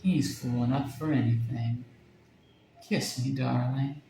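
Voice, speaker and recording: A man voicing a sinister parrot that mimics human voices in a slow whisper, in a roomy recording. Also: mid-range voice, steady tone, creaky, dark tone, a little hiss or hum.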